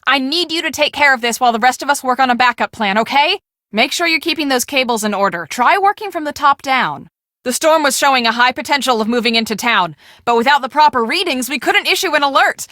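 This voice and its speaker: An earnest woman who runs a storm-chasing crew in a video game. Her voice is fairly high and very bright, with a brisk, businesslike delivery that takes charge. The sound is close and dry. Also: expressive, no echo. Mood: urgent, serious. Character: Debbie, earnest take-charge woman project manager of storm chasers. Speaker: storm-chasing team project manager.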